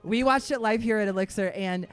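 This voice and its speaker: A man's voice: high voice, fairly quick. A man chatting casually as co-host of a recap, with a campy, gossipy drag queen delivery. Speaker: co-host reviewing a TV episode. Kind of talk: casual chat, recap banter. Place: venue with a small live audience. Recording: music behind the talk.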